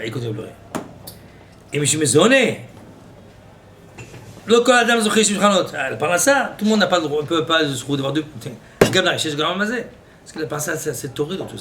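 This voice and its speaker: A man's voice: a little high, vocal fry. A man giving a Torah lesson as a rabbi, telling stories and quoting Hebrew and Aramaic texts. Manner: storytelling with Hebrew and Aramaic quotes, animated. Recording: noisy recording.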